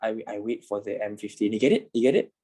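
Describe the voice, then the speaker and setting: A man's voice: lowish voice, fast talker, warm tone, slightly rough, low-quality recording. A man in his twenties, a trading instructor talking informally in an online class, repeating himself and swearing casually. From Malaysia. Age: 20s.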